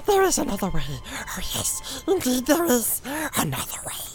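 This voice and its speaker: A woman voicing Gollum, a wretched, groveling creature who pleads and wheedles in gravelly squeaks and hissing whispers. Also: huge pitch swings, moderate pace, full character voice. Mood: wheedling. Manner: wheedling, whining, swinging wildly from shrieks to whispers. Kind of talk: dramatized audiobook acting. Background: background music.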